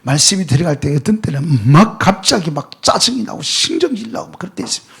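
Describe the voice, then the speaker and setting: A man's voice: fairly high pitch, sing-song, a little fast, creaky, a bit bright, breathy edge. A male pastor preaching a sermon, emphatic and full of rhetorical questions, at times dropping to a near-whisper. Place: church sanctuary.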